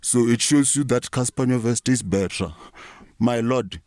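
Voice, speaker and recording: A man's voice: mid-range voice, measured pace, a little mellow, no echo. Boastful, profane man. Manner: profane, boastful, mock-courtroom rant with many stutters and restarts. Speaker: self-styled reverend vlogger. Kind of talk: rambling comic monologue to camera.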